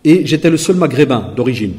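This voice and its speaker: A man's voice: medium pitch, very animated, fairly quick, darkish tone. A Belgian man in his forties giving a sermon to a live audience, telling stories and acting out the lines of other people, joking with the crowd. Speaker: preacher. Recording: echoey hall recording.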